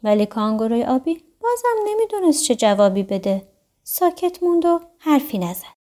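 A woman narrating a children's audiobook in an expressive, sing-song storytelling manner. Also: high-pitched.

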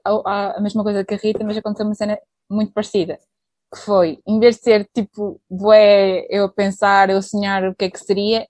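A young woman with a European Portuguese accent, speaking haltingly in a casual chat. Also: mid-range voice, a little mellow, no echo.

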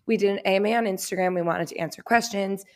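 A woman's voice: medium pitch, fairly even intonation, fast talker. A woman in her twenties from Boston co-hosting a podcast, upbeat and chatty with plenty of "like". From Boston, USA. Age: 20s. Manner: upbeat, chatty, says "like" often. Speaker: podcast co-host. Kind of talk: casual podcast chat.

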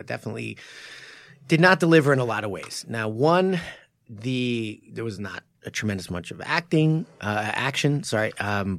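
Casually and with enthusiasm, a man co-hosting a podcast breaks down fight technique from a studio. His voice is mid-range and creaky, and the recording is dry.

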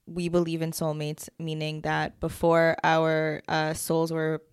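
A woman's voice: sits low, monotone, measured pace, clear, resonant tone, no room sound, clean studio sound. Giggly young woman chatting. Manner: giggly, rambling with many fillers. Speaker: podcast co-host. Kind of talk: casual chat.

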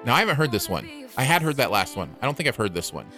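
A man's voice: medium pitch, sing-song, rapid-fire. A man co-hosting a casual music review podcast, talking enthusiastically with music playing behind him. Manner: enthusiastic, laughs often. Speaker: podcast co-host.

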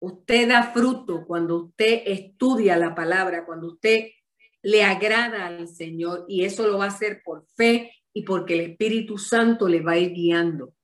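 Woman, 60s, preaching, animated testimony, mid-pitched voice. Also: a little slow. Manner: animated storytelling, acts out dialogue. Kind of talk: testimony and sermon.

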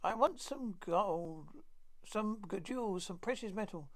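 A man voicing a greedy, reckless young man, demanding and halting, in a dramatic storybook reading. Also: high voice, animated, voice pushed up.

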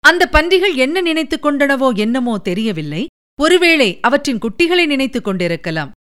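A woman narrating an audiobook of a historical novel in an even, measured storytelling manner. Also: sits high.

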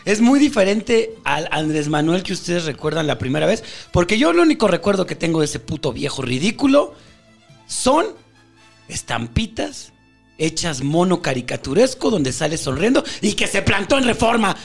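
A man's voice: high voice, very animated, normal speed, creaky, faint music behind. A young Mexican man co-hosting a comedy podcast, sarcastic and rambling. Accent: Mexican Spanish. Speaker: podcast co-host. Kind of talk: crude comedic banter.

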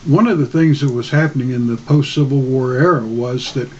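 Mellow, measured man on slightly dull audio. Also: mid-range voice, slight background noise. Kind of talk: informal explanatory discussion.

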